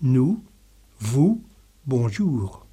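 A man modelling French pronunciation, reading single words aloud one by one with deliberate care. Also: mid-range voice, husky. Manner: slow, deliberate, lively word-by-word pronunciation.

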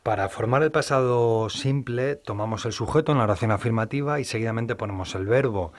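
A man explaining English grammar in Spanish, methodical and measured, reading out slow English example sentences. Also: mid-range voice. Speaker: English teacher. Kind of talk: explaining grammar in a studio lesson.

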